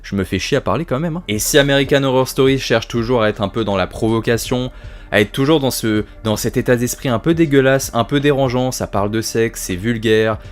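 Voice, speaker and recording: A man hosting his own video review, talking casually about horror series with swearing, self-mocking asides and enthusiasm. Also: medium pitch.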